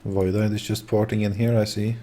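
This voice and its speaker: A man's voice: on the low side, little pitch movement, fairly quick, mellow. A man hosting a livestream, talking casually to his viewers and guests. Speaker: livestream host.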